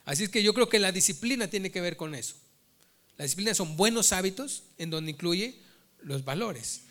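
Male preacher, bright, tense tone, storytelling sermon. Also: sits high, expressive, moderate pace. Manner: storytelling, addresses listeners as brothers.

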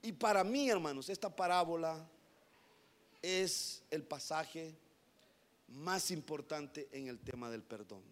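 A man preaching a sermon, moving between hushed passages and emphatic repetition, often addressing his listeners as brothers. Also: fairly high pitch, slow. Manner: animated, swings from hushed to emphatic, repeats "hermanos".

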